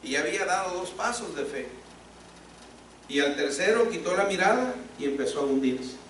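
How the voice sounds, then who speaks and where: A man's voice: a little high, animated, moderate pace, fairly bright tone, slight background noise. A man preaching a sermon, pressing his points with rhetorical questions. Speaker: pastor. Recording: echoey hall, speaker far from mic.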